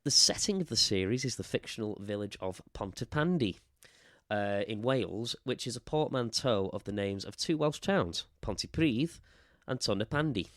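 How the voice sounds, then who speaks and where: A man's voice: on the low side, lively intonation, normal speed, a bit bright, no room sound, clean studio sound. A man co-hosting a podcast in casual chat, chatty and self-deprecating. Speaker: podcast co-host.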